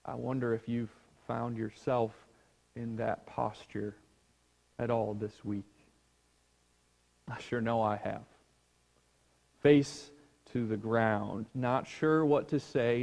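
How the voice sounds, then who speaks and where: A man preaching a sermon as a pastor, slow and hushed, sinking almost to a whisper on key words. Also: mid-range voice, steady tone, creaky, big-room sound. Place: church sanctuary.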